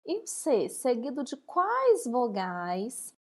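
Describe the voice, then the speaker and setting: A woman's voice: fairly high pitch, huge pitch swings, takes it slowly. A Brazilian woman teacher giving a recorded lesson to young pupils, stretching out words syllable by syllable. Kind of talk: recorded remote school lesson.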